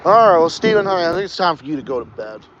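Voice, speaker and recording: Rapid-fire and slightly high-pitched, the man's voice comes through a muffled recording with some hiss or hum. He's a young podcast host with a light Texas Southern accent, pacing around an outdoor livestream while he rambles, swears a lot, and stays animated.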